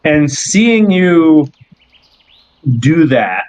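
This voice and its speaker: Joking game master with a fairly high voice. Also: male voice, very animated, extremely slow, a little mellow, clear, resonant tone, no echo. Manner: laid-back, joking, swears often. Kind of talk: narrating a tabletop game. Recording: dull, dry recording.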